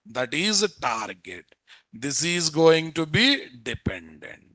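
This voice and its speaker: A man's voice: fairly high pitch, big pitch swings, slow, sharp tone, no echo. A man with an Indian Telugu accent giving a live programming lecture as an instructor, repeating phrases and constantly quizzing his listeners.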